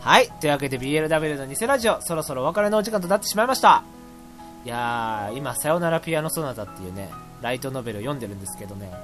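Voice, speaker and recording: A man hosting a casual radio show, reading listener mail and rambling between laughs and quick impressions. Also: medium pitch, lively intonation, a bit bright, soft background music.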